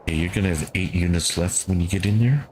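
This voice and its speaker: A man giving calm gameplay commentary, thinking aloud and talking to his squad as he plays. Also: deep voice, quick pace, slight background noise. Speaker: gameplay streamer.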